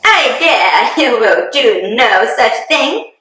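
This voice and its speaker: A woman playing a fussy, excitable, self-pitying middle-aged wife and mother in a hammy, theatrical dramatic reading. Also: on the high side, takes it slowly, full character voice. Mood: indignant, aggrieved. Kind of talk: dramatic reading of a classic novel. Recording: very echoey room.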